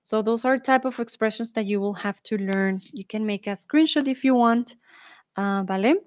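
Slow, patient woman teaching a language. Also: a little high, dry recording. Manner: patient explaining, switching between Spanish, English and German; checks in often with "¿vale?". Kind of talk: live-streamed language lesson.

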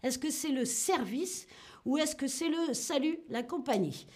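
A high-voiced woman leads a live online French lesson. She keeps it lively, acts out tennis strokes with short grunts, and turns to greet and answer viewers in the chat by name. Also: unhurried. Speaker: French teacher.

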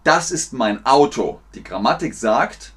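A man teaching German pronunciation and grammar, slowly repeating words and sentences for learners to copy. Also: medium pitch, animated, fairly bright tone. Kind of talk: slow, clear language lesson.

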